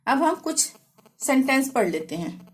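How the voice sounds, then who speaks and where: A woman teaching a language lesson, explaining slowly and patiently, often pausing to check that the listener follows. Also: high voice, sing-song, husky. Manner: slow, repeats "theek hai" to check understanding. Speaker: Hindi teacher.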